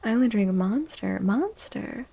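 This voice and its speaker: A woman with a slightly high, expressive voice hosts an ASMR livestream, speaking slowly in a soft, breathy, mellow tone that often turns to whispers. She chats affectionately to listeners, gentle, playful and cutesy.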